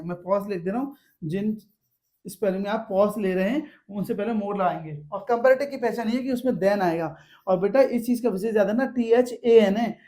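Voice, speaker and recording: A man's voice: high-pitched, darkish tone. A man teaching a grammar lesson to students in a patient, step-by-step way. He often asks a question and then answers it himself, and speaks. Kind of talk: classroom lesson.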